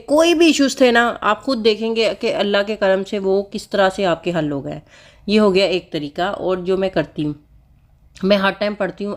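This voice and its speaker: Earnest woman vlogger giving advice. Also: mid-range voice. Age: adult with school-age children. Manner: earnest, repetitive, instructive, with frequent restarts. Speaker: vlogger sharing personal religious advice. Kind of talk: casual heartfelt talk to viewers.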